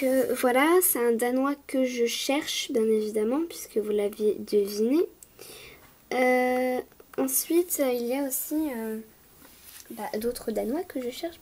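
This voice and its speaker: Female vlogger, high voice; eager, repetitive, lots of pauses and fillers. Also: a little mellow, a little hiss or hum. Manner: gushing, repeats words, many hesitations. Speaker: toy collector vlogger. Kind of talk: casual vlog talk to viewers.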